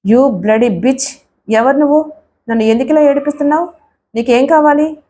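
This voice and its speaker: A woman voicing a beaten, frightened man who pleads and shouts in an audiobook thriller. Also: on the high side, normal speed, a little hiss or hum, natural voice. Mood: desperate. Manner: pleading, then angry.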